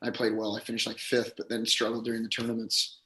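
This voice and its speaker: A man who is losing his voice, slightly hoarse, chatting casually as a pro athlete being interviewed. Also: medium pitch, completely flat delivery, fast, bright, forceful tone, reverberant, poor audio. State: hoarse, voice a little gone. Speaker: professional golfer, podcast guest. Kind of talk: casual chat.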